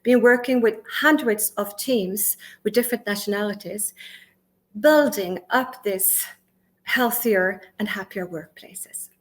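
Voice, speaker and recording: Speaking English in a mid-range voice, this middle-aged workplace consultant from Sweden delivers a prepared conference talk. She emphasizes points, questions the audience, pauses between words she lists individually, and occasionally slips on grammar and restarts.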